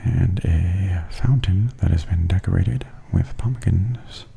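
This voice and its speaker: In a low, breathy near-whisper, a man gives ASMR commentary on a tour, keeping his murmur soft, gentle and unhurried.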